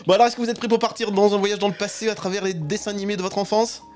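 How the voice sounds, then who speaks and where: A man's voice: sits high, steady tone, rapid-fire, darkish tone, soft background music. A man hosting a podcast with a honking, duck-like voice from being sick, presenting in a playful, theatrical way. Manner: theatrical, joking. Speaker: podcast host.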